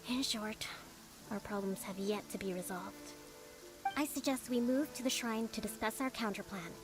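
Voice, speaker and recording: A woman's voice: medium pitch, normal speed, music in the background, close to an everyday voice. A woman voicing a composed young priestess who leads a resistance in a video game, speaking politely and formally. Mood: courteous, composed.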